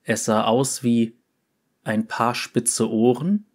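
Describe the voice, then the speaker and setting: A man narrating a fantasy story in a measured, deliberate reading. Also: medium pitch, fairly even intonation.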